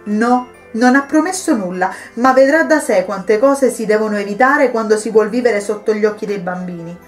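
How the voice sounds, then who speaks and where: A woman reading the lines of a kind, devout wife and mother who gently persuades a troubled guest to stay. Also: mid-range voice, moderate pace, faint music behind, close to an everyday voice. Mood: gently persuasive. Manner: warm, patient pleading.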